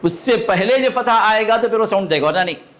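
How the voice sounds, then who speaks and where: A man teaching a live recitation class to students, sounding out throat letters and asking often if the point is clear. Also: sits high, expressive, a bit bright. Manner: demonstrates throat sounds, asks learners to confirm understanding. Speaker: religious teacher.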